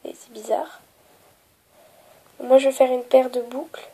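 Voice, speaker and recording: Young girl with a cold, nasal stuffy voice, high and mellow, lots of euh while showing a craft. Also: little pitch movement, a little slow, slightly rough, rough recording. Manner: hesitant, many fillers, softly trailing off. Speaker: polymer clay tutorial maker. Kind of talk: casual craft tutorial.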